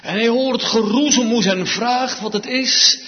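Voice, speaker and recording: Preacher guy, high voice, slow and emphatic, echoey church, kinda muffled. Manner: slow, emphatic preaching with wide swings in pitch and loudness. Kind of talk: sermon. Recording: dull sound with long reverb, church hall.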